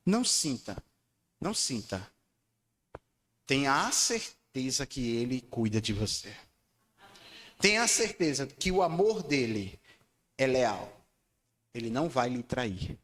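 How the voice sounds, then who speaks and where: A man preaching a sermon, asking his congregation to repeat lines back to him. He swings between loud, high declarations and low, quiet lines. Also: very animated, unhurried, long pauses. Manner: emphatic, calls for congregation responses. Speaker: pastor. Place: church hall. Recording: long church hall reverb.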